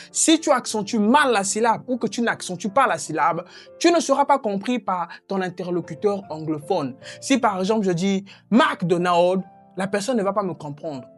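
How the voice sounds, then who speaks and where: A woman teaching English pronunciation online, talking directly and encouragingly to the viewer. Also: medium pitch.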